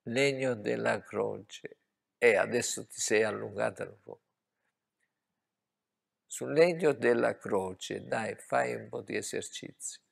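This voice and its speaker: A gravelly, slow-paced man preaches a sermon. His delivery drops to hushed asides, then surges into loud, emphatic declarations. Between these, he coaches his listeners through the scripture reading. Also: lowish voice. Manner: swings from quiet asides to loud exclamations.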